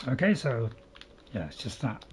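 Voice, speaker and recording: A man's voice: medium pitch, big pitch swings, normal speed, a little hiss or hum. A man giving casual gameplay commentary in a hesitant, chatty, repetitive way. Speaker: game streamer.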